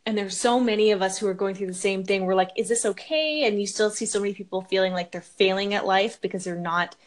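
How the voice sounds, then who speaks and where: A woman's voice: mid-range voice, steady tone, fast talker. A woman in her thirties hosting a podcast, explaining her views earnestly in casual chat. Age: 30s. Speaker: podcast host.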